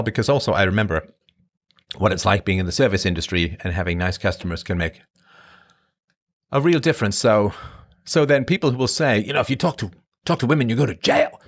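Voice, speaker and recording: Born in Ireland and raised in England, this middle-aged man rambles casually as a host responding to his live chat. His delivery is conversational and wandering, with emphatic swings in pitch, in the style of a casual monologue.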